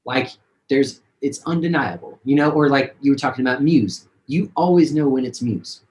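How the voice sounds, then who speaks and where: A man's voice: mid-range voice, moderate pace, darkish tone, low-quality recording. A man, a singer-songwriter, talking casually and rambling with many fillers in a video-call interview.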